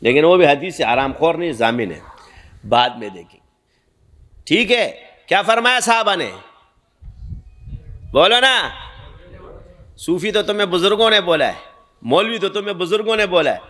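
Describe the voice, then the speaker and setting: A man's voice: high voice, animated, long pauses, fairly bright tone. A man preaching a sermon, scolding and emphatic, who keeps asking rhetorical questions and answering them himself.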